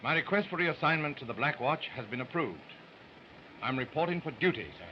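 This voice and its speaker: Actor as a formal officer in a noisy early talkie. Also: male voice, on the high side, expressive, a little fast, dull audio, lightly acted. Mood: formal, respectful. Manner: formal, military. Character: dutiful, clipped British army officer reporting to superior. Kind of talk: early talkie film acting.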